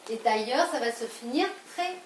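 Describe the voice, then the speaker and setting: A woman's voice: a little high, lively intonation, slight background noise, natural voice. A woman acting a flustered, defensive wife caught in a lie, in a live stage play, recorded from a distance in an echoey theatre. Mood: evasive. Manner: flustered, quick protests and repeated denials. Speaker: stage actor. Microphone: distant room mic.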